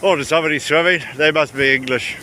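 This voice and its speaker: He talks quickly in a higher-than-average voice, a chatty travel vlogger rambling away while walking along a beach. Wind gusts and surf noise run through the recording, along with other outdoor sounds.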